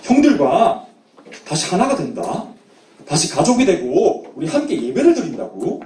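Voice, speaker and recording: A man preaching to children in Sunday school, telling a Bible story in an animated way. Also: high voice, normal speed, a little hiss or hum. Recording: echoey room, mic at a distance.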